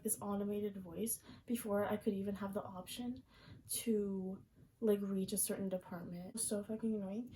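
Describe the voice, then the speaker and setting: A woman's voice: medium pitch, warm tone, slight background noise, rough recording. A young woman vlogger ranting in a casual, exasperated way, full of slang and swearing. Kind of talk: casual venting rant.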